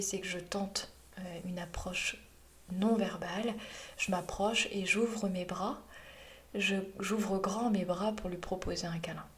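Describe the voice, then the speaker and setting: A young woman, a mother, hosting a podcast in a soft-spoken, gentle and calm way. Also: mid-range voice. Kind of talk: casual reflective podcast talk.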